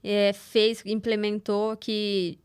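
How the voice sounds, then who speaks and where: A woman's voice: mid-range voice, monotone, slow, smooth. A woman hosting a podcast in a studio, asking curious and encouraging questions. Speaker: podcast host. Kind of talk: casual podcast interview.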